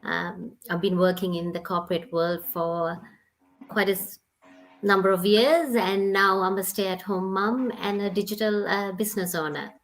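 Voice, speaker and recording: A woman's voice: medium pitch, fairly even intonation, moderate pace, faint music behind, low-quality recording. Woman from Sri Lanka introducing herself. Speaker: panel guest.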